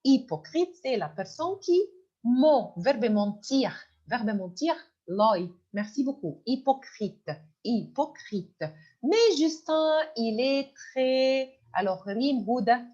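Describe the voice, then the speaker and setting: A woman's voice: fairly high pitch, animated, slow pace, dark tone. A woman teaching a French class, patient and repetitive, explaining words and often switching into English. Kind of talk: online class lesson. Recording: dull lo-fi sound.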